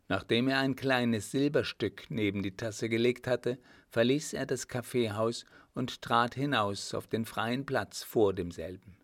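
Male narrator, mid-pitched, measured storybook reading, dry close mic. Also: dry recording. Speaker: audiobook narrator. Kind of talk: scripted narration.

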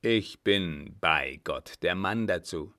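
A man's voice: low voice, animated, takes it slowly, bright, forceful tone, pitched below the performer's own voice, exaggerated voice. A man doing a harsh, menacing old captain. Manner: hard, commanding, menacing. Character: harsh, threatening old sea captain, male.

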